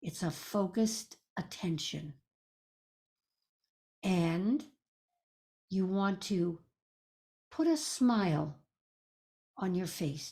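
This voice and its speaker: A female teacher leads a guided meditation in a mid-range voice, speaking gently, soothingly and at a measured pace with pauses.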